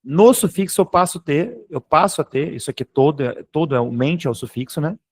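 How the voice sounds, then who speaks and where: A man's voice: on the high side, a little fast. A man with a Brazilian Portuguese accent teaching a grammar class online, explaining step by step and checking in with students often. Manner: explanatory, keeps checking in with "tá?" and "beleza?"; informal, occasionally swears.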